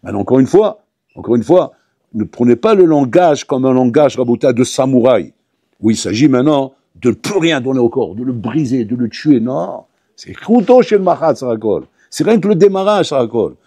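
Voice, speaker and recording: Rabbi guy teaching yeshiva students, dark husky voice, dry close sound, keeps acting out little scenes. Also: medium pitch, normal speed, dry recording. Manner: lively, acts out little dialogues and addresses students directly. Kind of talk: animated Torah lesson. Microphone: audio recording of a class.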